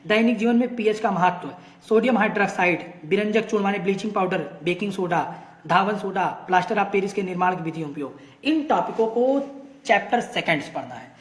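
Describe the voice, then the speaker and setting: A woman teacher goes through a syllabus point by point, often asking a question and then answering it herself. Her voice sits at an ordinary middle pitch. The room around her gives it a clear echo. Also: brisk. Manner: reads topic lists one by one. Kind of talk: syllabus walkthrough lesson. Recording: echoey room.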